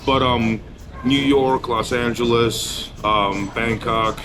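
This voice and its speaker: A man's voice: mid-range voice, fairly even intonation, takes it slowly. Blunt man from Poland with music behind. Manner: blunt, candid opinions. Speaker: interviewee, business owner. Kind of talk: casual street interview.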